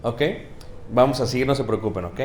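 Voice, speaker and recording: A man preaching a teaching sermon in a church. He asks the congregation questions, adds "ok?" often, and stresses key words slowly. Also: mid-range voice, a little mellow, a little hiss or hum. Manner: checks in with the congregation, asking questions and saying "¿ok?".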